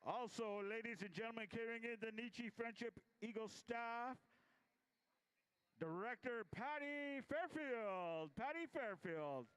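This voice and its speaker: A man with a high, smooth and resonant voice emcees a powwow. He addresses the audience in a ceremonial announcer's style, stretching names out as he introduces people and rallies them. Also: lively intonation, fairly bright tone, rough recording. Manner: drawn-out announcing of names, rallying.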